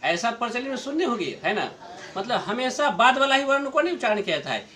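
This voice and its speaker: A middle-aged man teaching a grammar lesson to a class, explaining slowly, repeating his points and chuckling often. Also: extremely high pitch, sing-song, sharp tone.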